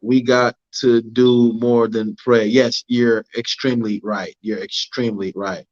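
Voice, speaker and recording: A man's voice: mid-range voice, little pitch movement, measured pace, lo-fi sound. Laid-back man hosting a livestream. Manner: laid-back, keeps asking "you know what I'm saying". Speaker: livestream host. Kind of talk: casual livestream talk, reading viewer comments.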